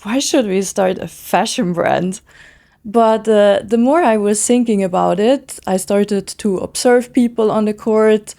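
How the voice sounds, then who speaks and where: A woman in her thirties from Switzerland, chatting in an interview as a founder, eager and quick with lots of casual fillers. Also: mid-range voice, creaky, warm tone. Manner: fast, enthusiastic, many "like" fillers. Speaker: guest, brand founder.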